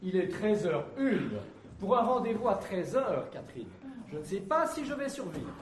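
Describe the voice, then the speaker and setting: A man's voice: high-pitched, sing-song, moderate pace, a little hiss or hum. An actor playing a polished, dryly humorous businessman in a stage comedy. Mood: courteous. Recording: echoey theatre stage.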